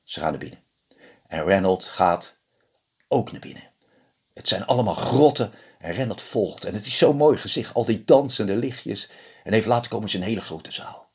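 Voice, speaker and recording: A man telling a fairy tale, animated, with hushed dramatic pauses. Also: lowish voice, breathy edge. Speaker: storyteller.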